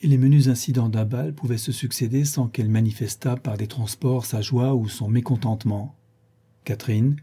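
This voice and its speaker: Dark husky male audiobook narrator. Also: mid-range voice. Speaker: audiobook reader. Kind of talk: scripted narration of a classic novel.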